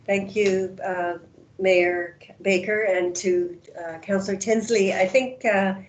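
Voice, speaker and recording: A woman speaking as the chief administrative officer in a council meeting, measured, formal and procedural. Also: mid-range voice, fairly even intonation, dull audio, a little hiss or hum.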